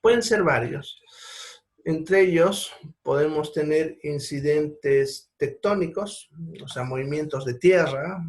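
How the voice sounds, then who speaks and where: A man's voice: a little high, slow pace. A man teaching a seminar on triage, explaining step by step and often checking in with his listeners. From Bolivia. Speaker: seminar instructor. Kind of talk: lecture on triage.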